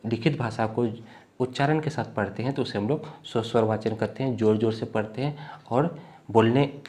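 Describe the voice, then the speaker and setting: A man from the teaches an exam-prep lecture while unwell. He explains slowly and repeats himself, often checking in with "thik hai". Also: medium pitch, a little mellow. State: unwell, coughing.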